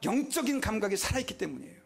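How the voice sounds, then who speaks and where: A pastor in his fifties delivers a sermon in a fairly high voice. He preaches with emphasis, asks his listeners questions and acts out little quoted exchanges along the way. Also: sing-song, rapid-fire, vocal fry, slightly rough.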